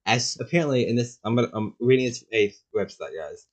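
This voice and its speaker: A man's voice: medium pitch, animated, brisk. Rambling man on a casual podcast. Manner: rambling, restarts sentences, sarcastic asides. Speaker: podcast co-host.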